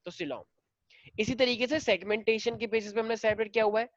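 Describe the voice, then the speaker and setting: A man's voice: sits high, level tone, quick pace, dry recording. Male teacher mid-lesson, quizzing the class, dull dry recording. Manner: mixes Hindi and English, quizzes students, affectionate. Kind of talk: classroom lecture.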